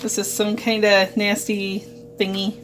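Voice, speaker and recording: A woman's voice: mid-range voice, flat delivery, unhurried, a bit bright, faint music behind. A woman talking casually at home as a homeschooling mother, giving plain, matter-of-fact instructions.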